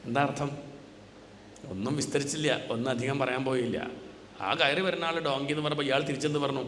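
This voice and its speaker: A man's voice: medium pitch, fairly even intonation, a bit bright. Guy giving a religious talk, mid voice, asks questions then answers them, roomy echo. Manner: chants scripture lines slowly. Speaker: spiritual teacher. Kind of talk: religious discourse. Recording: echoey hall with faint noise.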